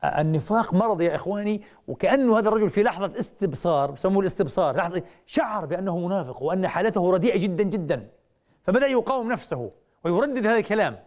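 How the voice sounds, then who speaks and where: A man giving a televised religious lecture, telling stories with rhetorical questions and slowing down to quote traditions. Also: sits high. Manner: animated storytelling, slows down to quote hadith; asks rhetorical questions with drawn-out "eh".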